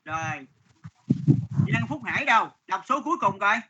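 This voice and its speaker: A man teaching math to a class, stern and scolding, dictating numbers slowly. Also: sits high, sing-song, sharp tone, husky, dull audio.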